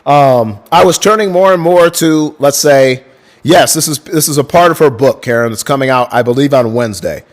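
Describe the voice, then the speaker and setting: At a medium pitch and moderate pace, a man hosting a livestream reads from a book. He's chatty and profane, swearing casually and stopping to thank chat viewers mid-passage.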